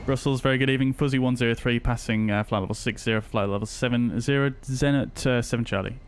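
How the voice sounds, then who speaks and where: A man's voice: medium pitch, fairly even intonation, quick pace, smooth. A man on a headset mic, speaking in clipped pilot radio calls and cockpit callouts. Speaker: flight sim streamer playing pilot.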